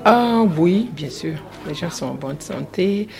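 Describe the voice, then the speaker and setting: A woman nurse from a community health centre explains health advice in a street-interview-style exchange, using hesitant fillers. Her fairly low voice is gravelly and a little mellow, with lively intonation and a slightly slow pace. It takes place at an indoor open-house event.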